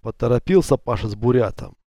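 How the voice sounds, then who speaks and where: A spiteful, scornful bandit, as read by a man snaps and sneers at his crew. The voice is mellow and dark in tone, with a dry, close sound. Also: mid-range voice, animated, quick pace, creaky, dry recording. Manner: scornful, curses.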